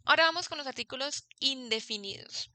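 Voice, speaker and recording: A young woman explains grammar to her class, pausing often to check that everyone follows. Her voice is very bright and sits a little high. The recording is dry and close, with no room sound. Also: no echo. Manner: patient, checks understanding with frequent "¿sí?". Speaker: English teacher.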